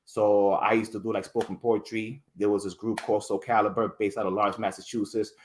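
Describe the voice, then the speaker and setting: A man's voice: fairly low pitch, fairly quick, a little hiss or hum. A man as a guest in a casual interview, rambling through stories with lots of fillers and restarted words. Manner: animated storytelling, voices others in quotes. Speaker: podcast guest.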